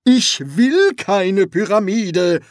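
A man's voice: medium pitch, sing-song, measured pace, breathy edge, no room sound, clean studio sound. A man voicing the indignant ghost of a dead pharaoh in an audiobook. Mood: exasperated. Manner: indignant, grumbling.

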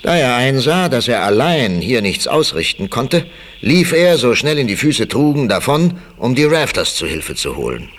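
A man narrating a radio play in a measured storytelling manner. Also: mid-range voice, sing-song.

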